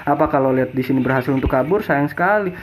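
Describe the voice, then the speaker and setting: A man commentating an esports match in an excited game announcer style, repeating names and throwing out rhetorical questions. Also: medium pitch, quick pace, a little hiss or hum.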